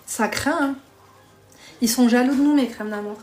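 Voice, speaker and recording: A woman's voice: fairly high pitch, normal speed, a little mellow, soft background music. A woman hosting a live stream, chatting bluntly with viewers, reading their comments and giving dating advice while calling them pet names.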